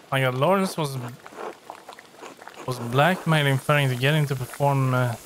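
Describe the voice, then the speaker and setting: A man's voice: medium pitch, a little hiss or hum. A man commentating his own gameplay, hesitant and musing aloud with many fillers. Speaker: let's play gamer.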